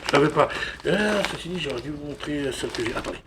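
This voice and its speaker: Gravelly, rambling French man. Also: on the high side, expressive, fast talker, background noise. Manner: chatty, rambling, constantly saying voilà. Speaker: film collector vlogger. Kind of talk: casual unboxing chat.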